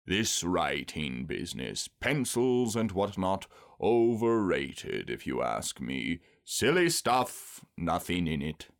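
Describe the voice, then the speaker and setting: A man voicing a gloomy, pompous, self-pitying donkey in a drawn-out, sardonic manner for a storybook. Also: sits low, big pitch swings, full character voice. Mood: grumbling. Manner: ponderous, drawn-out, sardonic speech-making.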